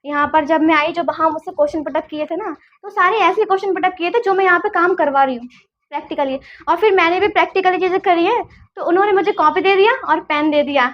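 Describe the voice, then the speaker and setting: A young woman, a junior civil engineer, telling her story earnestly and haltingly in a casual interview. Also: extremely high pitch, muffled recording.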